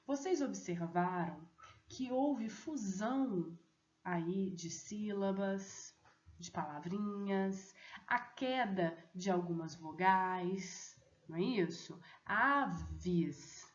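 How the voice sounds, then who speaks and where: A woman teacher explaining a lesson deliberately, often checking in with students. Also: medium pitch, a little mellow. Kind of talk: recorded online lesson. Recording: echoey, dull lo-fi room audio.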